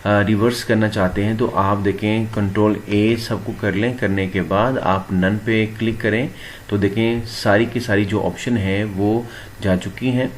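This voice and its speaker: A man explaining a word processor step by step in a screen-recorded tutorial, pausing often with filler sounds. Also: on the low side, a little hiss or hum. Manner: steady explaining with frequent filler pauses. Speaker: computer teacher.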